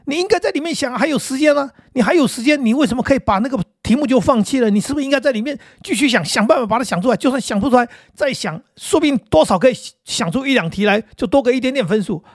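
A man's voice: very high voice, expressive, racing, few pauses, dry recording, studio quality, pitched above the performer's own voice, full character voice. A man voicing an exasperated father who fires scolding questions at his son.

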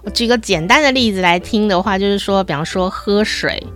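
A man from Taiwan with a Taiwanese Mandarin accent, hosting a casual interview, chatty and quick to laugh. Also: high voice, a bit bright, soft background music. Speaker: host.

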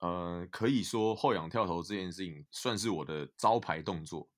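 Young guy, super low voice, rambling animated stories, lots of filler words. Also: moderate pace. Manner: animated storyteller, many fillers. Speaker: guest, basketball player. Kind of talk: casual interview chat.

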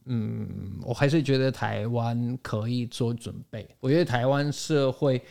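A man's voice: mid-range voice, steady tone, a little slow, gravelly, mellow. A man speaking as a guest in a casual interview, giving his opinions and explaining them through stories and quoted exchanges. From outside Taiwan.

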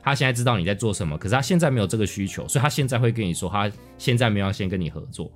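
A man, chatting casually as a podcast co-host. He talks in an animated way and acts out his own past thoughts. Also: fairly low pitch, racing. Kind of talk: casual chat. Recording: faint music in background.

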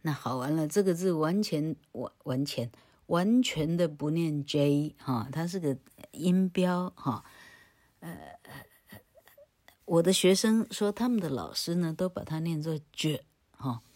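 A woman's voice: sits low, expressive, unhurried, mellow. A woman teaching English pronunciation in a recorded lecture. She tells playful jokes, laughs at her own stories, tags her phrases with a chatty "ha", and stretches out sounds to demonstrate them.

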